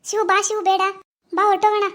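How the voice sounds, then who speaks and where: A woman's voice: very high-pitched, little pitch movement, rapid-fire, a bit bright. [name], a woman playing an anxious girl. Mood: pleading. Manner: pleading, worried. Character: young village woman, timid and anxious lover.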